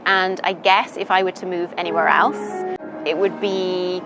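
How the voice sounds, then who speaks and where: The audio is poor and music plays beneath as a young woman from Britain, an interview guest, speaks in a lowish voice with a steady tone at normal speed. Her casual, thoughtful chat is peppered with "um" and "you know."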